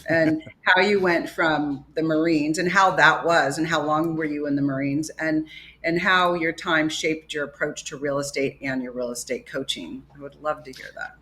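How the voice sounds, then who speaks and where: A woman's voice: low-pitched, steady tone, moderate pace, fairly bright tone, a little hiss or hum. A woman hosting a podcast interview, gushing and enthusiastic, asking long rambling questions. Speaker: podcast host. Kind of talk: interviewing a guest.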